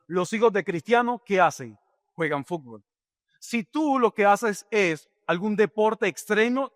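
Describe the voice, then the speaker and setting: A man's voice: high-pitched, fairly bright tone, no room sound, clean studio sound. A middle-aged man preaching a sermon as a pastor, speaking directly and asking rhetorical questions.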